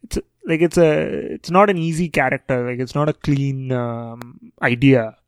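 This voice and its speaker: A man's voice: mid-range voice, a little slow, no room sound. A man co-hosting a casual podcast chat, his remarks wry and sarcastic. His voice sits mid-range, recorded close and dry with no room sound. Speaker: podcast co-host.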